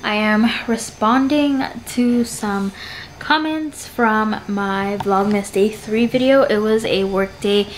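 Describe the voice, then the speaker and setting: A woman's voice: medium pitch, takes it slowly, a little hiss or hum, rough recording. A young woman in her twenties chatting casually to camera in a home vlog, upbeat and full of fillers. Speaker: vlogger. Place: home living room and bedroom. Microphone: camera on tripod.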